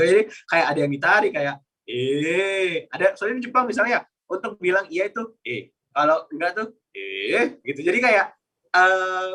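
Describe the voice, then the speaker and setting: A man from Indonesia teaching Japanese in a relaxed online class. His voice is bright and a little high, and he talks chattily with lots of fillers while acting out Japanese intonation. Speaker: Japanese language mentor. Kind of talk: online class Q&A, casual explaining.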